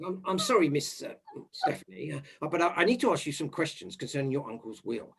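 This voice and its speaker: A dogged, fumbling English police inspector, played by an actor on stage, halting and hemming through polite questions. His voice is husky, with pitch that rises and falls in a lively way. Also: heavily acted. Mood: inquiring. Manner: hesitant, halting, polite formal address. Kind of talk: stage murder-mystery acting.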